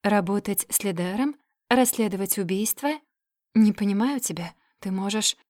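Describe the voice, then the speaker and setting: A brash male werewolf with a hoarse, insistent voice, as a woman reading the book puts him on. He presses close and possessive, and the reading sounds dry and close. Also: mid-range voice, moderate pace, a little mellow, no room sound, lightly acted. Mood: coaxing. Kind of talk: audiobook character voicing.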